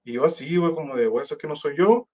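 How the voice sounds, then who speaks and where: A man's voice: fairly high pitch, quick pace, dull audio. A man with a Mexican Spanish accent telling a personal story in casual, slangy talk, acting out the voices of other people. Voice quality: slangy, animated, acts out quoted voices. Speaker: musician telling his story.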